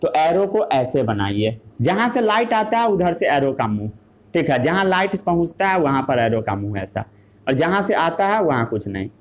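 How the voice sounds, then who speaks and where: A man's voice: a little high, sing-song, normal speed. A male teacher giving a classroom science lesson. He asks rhetorical questions, answers them himself, and mixes English terms into his Hindi.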